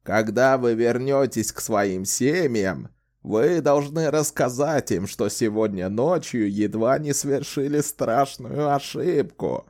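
A man voicing a sly, wry old male wizard who talks in a slow, theatrical, teasing way in an audiobook. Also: medium pitch, a little mellow, close to an everyday voice. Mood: stern, bargaining. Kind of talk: audiobook character voice.

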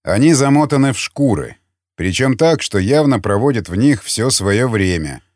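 A man voicing a calm, commanding seasoned scavenger who speaks tersely and bluntly. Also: medium pitch, moderate pace, dry recording, studio quality, natural voice. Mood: matter-of-fact. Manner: terse, blunt, matter-of-fact.

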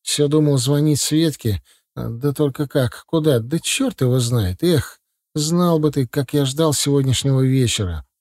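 Мужчина читает за пылкого молодого милиционера. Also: male voice, medium pitch, a little mellow, no echo, clean studio sound. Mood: excited. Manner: quick, effusive, emotional. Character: young excitable male policeman, warm-hearted.

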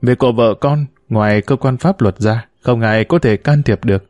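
A patient son-in-law speaks calmly and gently, trying to soothe her, as a male narrator reads him. The voice is warm and mellow, at a middle pitch. It is recorded dry and close. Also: moderate pace, no echo, natural voice. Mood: soothing. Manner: calm, gently persuading. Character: patient, worried son-in-law, adult man. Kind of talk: audiobook narration.

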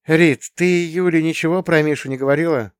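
A man reading an audiobook and voicing a gentle, worried young mother. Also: fairly high pitch, steady tone, fairly quick, clear, resonant tone, no echo, studio quality, pitched above the performer's own voice, lightly acted.

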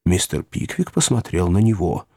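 A man narrating a classic novel as an audiobook in an expressive, animated way. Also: deep voice, moderate pace, slightly rough, no room sound, studio quality.

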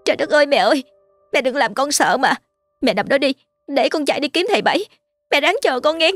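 A woman's voice: expressive, fairly quick, no room sound, soft background music. A woman doing a tearful young village daughter. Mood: panicked. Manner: pleading, high and tearful.

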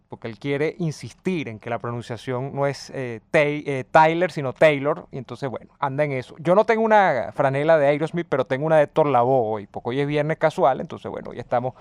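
A man's voice: mid-range voice, smooth, dry recording. A man co-hosting a radio talk show, reading listener messages and giving political commentary that builds in emphasis. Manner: reads listener messages, then argues at length with rising emphasis. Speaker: radio co-host.

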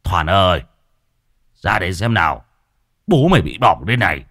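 Man voicing a bedridden thug husband: abusive, barking, low and rough in delivery. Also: lively intonation, quick pace, fairly bright tone, no echo, studio quality. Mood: angry bellowing. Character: bedridden brutal husband, coarse village thug.

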